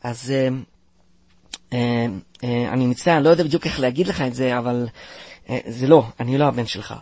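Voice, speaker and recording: A man's voice: mid-range voice, a little mellow, dry recording, close to an everyday voice. A man playing a stammering, apologetic young man. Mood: hesitant. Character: hesitant young man denying he is the son. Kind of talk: comedy sketch acting.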